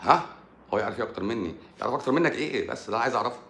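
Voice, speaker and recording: An Egyptian man, a doctor hosting his own live stream, talking in an animated, sarcastic monologue and repeating points for emphasis. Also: medium pitch, rapid-fire, echoey room, slight background noise. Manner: sarcastic, mocks critics in a playful tone; repeats himself for emphasis with frequent stumbles.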